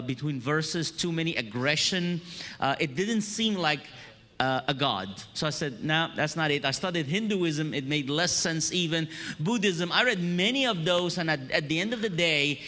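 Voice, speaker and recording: A fairly high-pitched, pushed and bright voice belongs to a man from Egypt, a native Arabic speaker with an Egyptian accent. He gives an earnest seminar talk in a hall, telling stories into a handheld or stand microphone.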